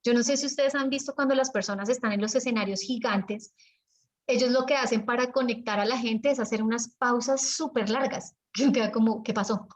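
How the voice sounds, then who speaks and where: A Colombian woman leading an online business coaching session, talking in a lively way and acting out her examples with long pauses. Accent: Colombian Spanish. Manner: chatty and animated, acts out examples with pauses and lowered tone. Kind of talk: live video call coaching.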